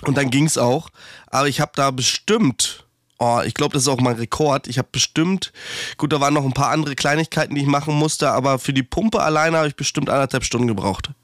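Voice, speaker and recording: Here a heating technician co-hosting a laid-back heating repair podcast talks briskly at medium pitch, his studio-quality audio free of echo. Nursing a slight cold, he chats away, swears, and rambles with frequent restarts.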